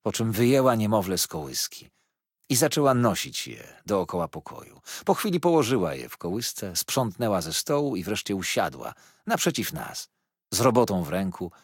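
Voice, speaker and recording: A man narrates an audiobook in an expressive reading, with a lowish voice that rises and falls widely. The tone is slightly husky, and it is recorded close and dry with no room sound. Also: no room sound.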